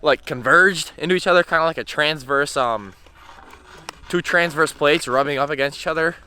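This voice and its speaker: A man's voice: a little high, normal speed, pushed and bright. A young man out on a frozen lake, casually explaining things to his friends. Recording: slightly noisy outdoor amateur video.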